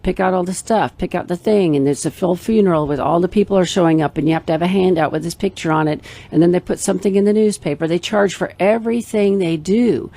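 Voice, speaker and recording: A middle-aged woman who is a financial planner co-hosts a radio show, chatting casually in a rambling, emphatic manner. Her voice is warm and fairly low-pitched.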